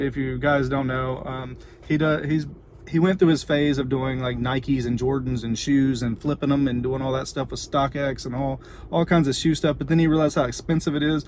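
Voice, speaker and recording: A middle-aged man with a Texan accent, chatting casually and informally in a rambling livestream to viewers from inside a car. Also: medium pitch. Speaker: vlogger and parent. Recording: noisy car with ambient background noise.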